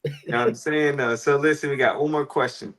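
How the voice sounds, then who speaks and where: Man retelling stories with animated restarts. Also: mid-range voice, brisk. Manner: animated storytelling, frequent restarts. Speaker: podcast co-host. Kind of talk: casual faith talk.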